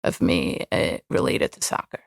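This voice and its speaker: A young woman, a native Hebrew speaker, talks at a moderate pace in a clean studio recording with no echo. As a podcast guest, she reflects candidly on her past in a personal interview.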